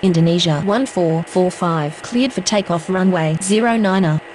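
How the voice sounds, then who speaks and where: A woman's voice: lowish voice, moderate pace, a little mellow, lightly acted. A woman giving clipped, formal pilot radio calls in air traffic phraseology. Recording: faintly noisy, vehicle-like background.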